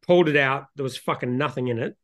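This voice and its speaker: A man's voice: medium pitch, fast, a bit bright. A man with an Australian accent co-hosting a casual chat, blunt and sweary as he talks and tells stories. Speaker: beer show co-host.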